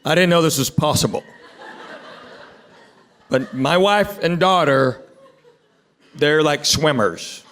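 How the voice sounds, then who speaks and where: A man's voice: fairly high pitch, slow, pauses often, fairly bright tone. A middle-aged man doing conversational stand-up comedy, telling stories and acting out bits of dialogue. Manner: conversational storytelling with acted-out dialogue.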